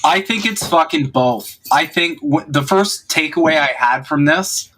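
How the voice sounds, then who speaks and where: A man's voice: on the high side, measured pace, pushed and bright, a little hiss or hum. A man hosting a podcast, talking politics in a casual, profane and emphatic way. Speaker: podcast host.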